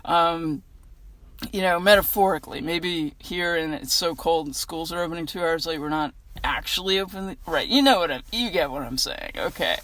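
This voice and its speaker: Standing in a gym parking lot in freezing cold, an American woman vlogger shares her weekly inspirational message in a chatty, earnest, conversational way. Her voice is low but fairly bright, her pace moderate, and the recording dry.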